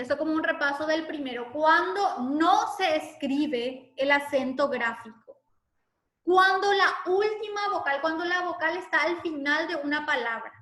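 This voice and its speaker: Woman teacher, patient step-by-step explainer, high voice, echoey room. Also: fairly bright tone. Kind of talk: online class explanation.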